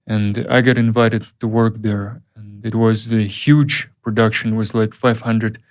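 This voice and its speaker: Halting man. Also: on the low side, fairly even intonation. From Uyghur region, Central Asia. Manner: halting, many fillers and restarts. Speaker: film director guest. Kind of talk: casual interview storytelling.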